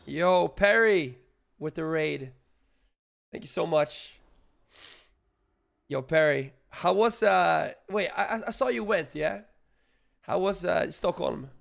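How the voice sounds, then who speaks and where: A man streaming live with a sick, hoarse voice, chatting casually with his viewers in a rambling way. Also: on the high side, slow, long pauses, a bit bright. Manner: rambling, filler-heavy, greets chat.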